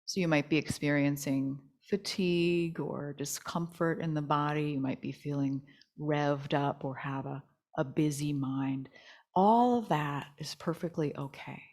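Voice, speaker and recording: Soothing and gentle, a woman leads a yoga nidra session of guided relaxation meditation without hurrying, her voice sitting low.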